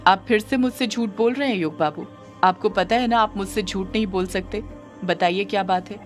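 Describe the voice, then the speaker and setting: A woman's voice: mid-range voice, normal speed, faint music behind, lightly acted. A woman voicing an affectionate young woman who speaks in a tender, coaxing, playful way in an audio story.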